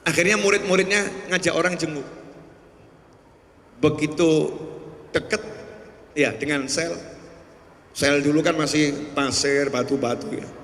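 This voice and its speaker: A man preaching a sermon in a mosque, telling stories with lively voicing of the people in them. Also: fairly high pitch, measured pace, pauses often. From Indonesia. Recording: long reverb of a large hall.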